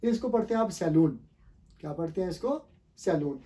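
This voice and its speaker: Speaking in a warm, expressive, high-pitched voice, a man teaches pronunciation as a language teacher. He asks the viewer questions and repeats what they answer. His pace is slow and deliberate, with many pauses to think.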